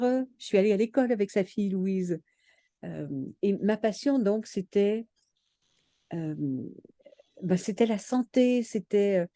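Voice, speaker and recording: A woman in her seventies telling memories from her childhood in a relaxed, reflective way, with frequent hesitations. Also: medium pitch, no echo, clean studio sound. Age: 70s. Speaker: interviewee. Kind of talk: casual storytelling.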